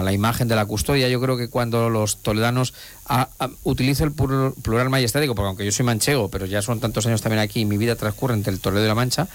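A middle-aged man with a fairly low voice speaks on a radio programme. He talks in long, eloquent, winding sentences and often restarts his phrases. He is a station director from Spain. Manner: eloquent, discursive, with frequent restarts. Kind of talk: reflective radio conversation.

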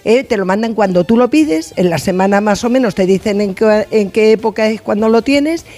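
A woman's voice: mid-range voice, animated, fairly quick, warm tone. A woman from the studio audience chats on a radio show, talking hesitantly with many fillers. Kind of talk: casual chat on a radio show.

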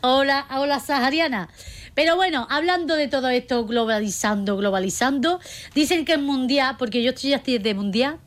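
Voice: high-pitched, normal speed, fairly bright tone. A performer voicing a chatty, middle-aged woman from Córdoba who is fed up with the heat, in an exaggerated gossipy drawl. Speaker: comic radio character.

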